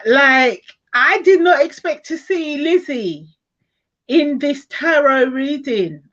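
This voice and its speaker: A high-voiced woman with a bouncy, swooping delivery gives a casual tarot reading with political commentary. She talks at an unhurried pace, rambling and giggling. The recording is dull and lo-fi. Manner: chatty, rambling, often breaks into giggles. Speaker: tarot reader.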